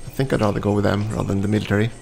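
A low-voiced man with a gravelly edge hosts a let's play. He reads the game's story text aloud between casual remarks, often tripping over words and starting them again. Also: level tone, rapid-fire, music in the background. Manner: stumbles and restarts on words while reading. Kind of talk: reading game text aloud with casual commentary.

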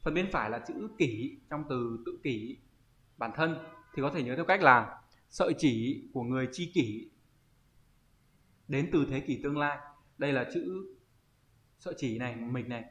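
A man teaching an online kanji lesson, often pausing and thinking aloud as he searches for the word. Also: medium pitch, lively intonation, fairly bright tone. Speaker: Japanese teacher. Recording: roomy, slightly dull audio.

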